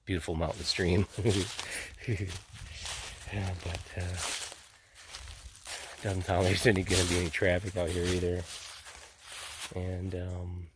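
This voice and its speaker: A man's voice: deep voice, completely flat delivery, unhurried, long pauses, noisy background. A man vlogging on a long-distance hike, talking casually and rambling, laughing often and swearing now and then, sometimes out of breath, into a handheld phone outdoors in the mountains. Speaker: thru-hiker vlogging on the trail. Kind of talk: casual handheld trail vlog. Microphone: phone camera held by hand.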